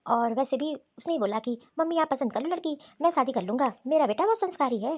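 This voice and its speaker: A woman's voice: high voice, animated, quick pace. Woman doing a bossy, taunting mother-in-law. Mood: scolding. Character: scheming, scolding middle-aged mother-in-law. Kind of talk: cartoon voice acting.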